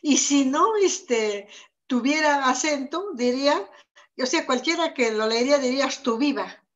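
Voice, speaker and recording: A woman from the Sierra Norte of Oaxaca with a somewhat high voice, talking as a language teacher. She explains step by step in an easy conversation, pauses on fillers and repeats words as she thinks. It sounds like a relaxed talk between colleagues. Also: dull audio. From Sierra Norte of Oaxaca, Mexico. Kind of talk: conversational discussion.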